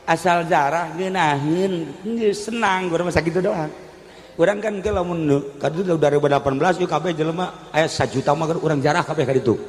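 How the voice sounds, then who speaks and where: A man's voice: a little high, a little fast, big-room sound, a little hiss or hum. A man with a Sundanese accent preaching a storytelling sermon. He joks and acts out the voices of the people in his story.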